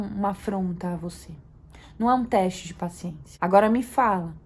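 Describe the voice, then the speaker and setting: A young Brazilian mother with a Brazilian Portuguese accent, talking to camera in a calm, soft-spoken, reflective way that rises at times to earnest emphasis. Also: mid-range voice. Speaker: mother vlogger.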